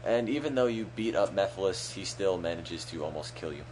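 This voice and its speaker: A man's voice: low-pitched, expressive, brisk, a little mellow, a little hiss or hum, poor audio. A man hosting a charity game stream, giving dry, sarcastic commentary while playing, over game music. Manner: dry, sarcastic, self-deprecating. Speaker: stream host and game player. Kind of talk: let's play commentary.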